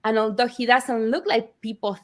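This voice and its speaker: Woman author, lively storyteller. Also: fairly high pitch, normal speed. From Argentina. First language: Spanish. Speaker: children's book author. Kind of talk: reading and interview chat.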